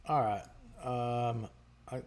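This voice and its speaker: Man thinking out loud while trading. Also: mid-range voice, slow. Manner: thinks out loud, relaxed banter. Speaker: co-host of a live trading stream. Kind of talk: casual chat while trading.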